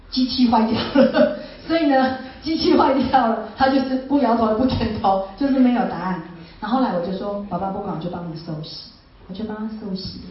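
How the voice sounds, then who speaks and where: A woman's voice: medium pitch, slight background noise. A woman gives an emotional personal testimony, repeating phrases and asking her listeners rhetorical questions. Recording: very echoey, distant, slightly dull sound.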